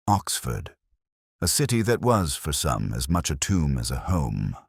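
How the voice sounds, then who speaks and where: In a scripted first-person narration, a very deep-voiced, middle-aged detective recounts his case with brooding, scholarly, literary solemnity and heavily acted delivery. His intonation shifts expressively in the low register, and the close, dry recording has no room sound.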